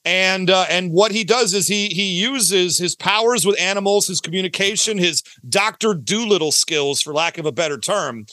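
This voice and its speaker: On a dry recording, a talkative audio drama creator guests on a podcast with a high, sharp voice at a moderate pace and few pauses. He chats casually but emphatically, repeating phrases to make his points land.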